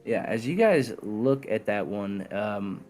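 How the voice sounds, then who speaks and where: A man's voice: on the low side, expressive, slow pace, a little mellow, faint music behind. A man running a tabletop game as game master, describing scenes and outcomes in improvised narration.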